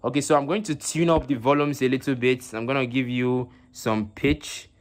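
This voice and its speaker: Male esports host for a live stream, mid-pitched, stop-start delivery full of fillers, on a phone mic. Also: steady tone. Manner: halting, with many fillers and repeated words. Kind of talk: live stream game commentary.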